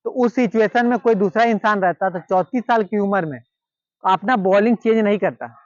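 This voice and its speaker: A man's voice: sits high, moderate pace, dry recording, muffled recording. A man with a Hindi-speaking Indian accent telling a cricketer's story in a casual, repetitive, conversational way, acting out the quoted lines.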